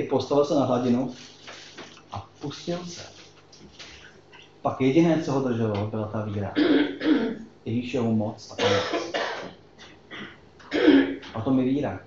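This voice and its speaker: A man's voice: medium pitch, warm tone, slight background noise. Man preaching in an echoey hall. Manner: conversational, asks the congregation questions. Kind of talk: sermon. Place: church hall. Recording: echoey hall, slightly dull sound.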